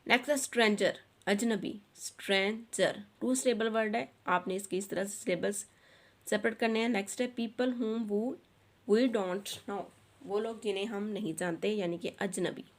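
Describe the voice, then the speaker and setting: A woman teaching an online textbook lesson, reading the English lines slowly and then explaining them quickly in Urdu. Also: medium pitch. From Pakistan.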